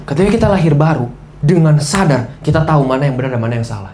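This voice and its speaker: A man's voice: fairly high pitch, fast, darkish tone. A man preaching a sermon to a congregation, dropping English phrases into his talk and acting out the voices he quotes. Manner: addresses congregation directly.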